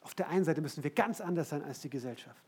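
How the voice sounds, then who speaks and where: A man preaching a sermon as pastor, talking in a conversational, animated way and often asking the congregation direct questions. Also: a little high, fast talker, slightly rough.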